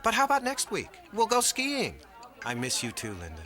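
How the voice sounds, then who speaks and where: A man's voice: high voice, wildly swooping pitch, moderate pace, sharp tone, exaggerated voice. A smug cartoon con man. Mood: sweet-talking. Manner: oily, smug and evasive. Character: smooth-talking lying con man fiancé, adult male. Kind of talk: cartoon voice acting. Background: music.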